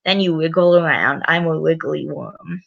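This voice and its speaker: A woman voicing a kindly old grandfather pig, reading his lines gently and patiently from a storybook. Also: low voice, normal speed, gravelly. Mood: gentle. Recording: dull lo-fi recording.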